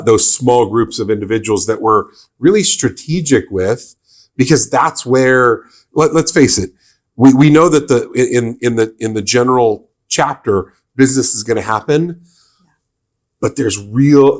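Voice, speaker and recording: A man's voice: medium pitch, unhurried. Affirming man hosting a business podcast. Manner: affirming, frequent agreeing interjections. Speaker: podcast host. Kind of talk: conversational podcast interview.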